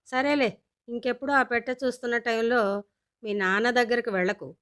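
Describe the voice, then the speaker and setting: Casting: a woman playing a sharp-tongued, practical mom, higher voice. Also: fairly even intonation, brisk, natural voice. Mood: wry. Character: wry middle-aged mother, scolding and practical.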